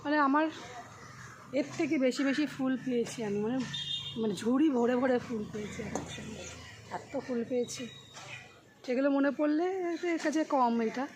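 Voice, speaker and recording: Chatty, slightly hoarse woman outdoors. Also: sits high, background noise. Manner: chatty, rambling, talks fast. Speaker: vlogger. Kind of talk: casual garden vlog chat. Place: outdoors in a home garden.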